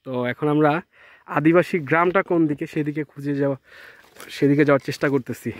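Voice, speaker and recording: A man's voice: fairly high pitch, fast, slight background noise. A man from Bangladesh narrating a casual travel vlog as he walks outdoors on rural trails, chatting and mixing in English words. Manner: chatty, relaxed commentary mixed with English words. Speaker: travel vlogger. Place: outdoors on rural trails, village and tea garden.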